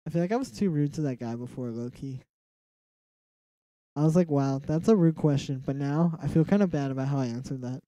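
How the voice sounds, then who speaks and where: Speaking a little fast in a nasal, fairly high-pitched voice, a young man hosts a casual music production livestream from a small room at home. He rambles in a relaxed manner, dropping "like" constantly and mumbling asides to himself, and the audio is poor.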